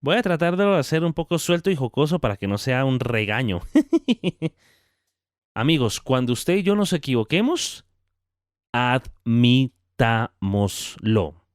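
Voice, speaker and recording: A man hosting a podcast who tells a Bible parable in a lively, conversational devotional talk. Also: on the high side, moderate pace, dry recording, clean studio sound. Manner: conversational, animated storytelling with tag questions. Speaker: podcast host.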